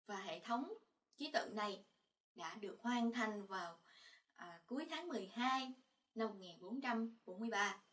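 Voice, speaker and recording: A woman teaching a language lesson, calmly explaining and repeating each sound loudly for learners to follow. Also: medium pitch, moderate pace, recorded from a distance. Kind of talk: slow, clear lesson narration.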